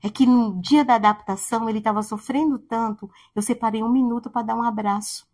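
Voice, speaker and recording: A woman preaching a heartfelt sermon in a conversational way, growing soft and quiet at tender points. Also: on the high side, steady tone, a little fast. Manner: heartfelt, conversational, speaks softly at tender moments. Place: church.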